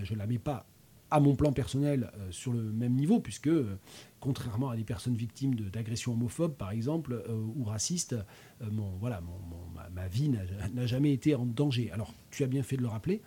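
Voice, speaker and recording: Man in his fifties, regional French accent, hesitant radio host, mellow, husky. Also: mid-range voice. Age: 50s. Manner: hesitant, many fillers and restarts. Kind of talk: casual chat.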